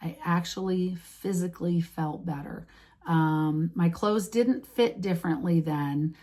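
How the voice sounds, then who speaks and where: A woman in her late fifties talks casually to the camera, wandering through her thoughts with frequent fillers and self-corrections. Her voice sits low and sounds mellow and relaxed. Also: measured pace. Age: 50s. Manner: rambling, many restarts and fillers. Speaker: vlogger.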